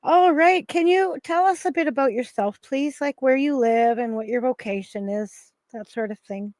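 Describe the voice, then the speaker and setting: Higher-voiced woman host, dry sound. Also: moderate pace, a little mellow, no room sound. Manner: friendly, hesitant with fillers. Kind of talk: casual interview.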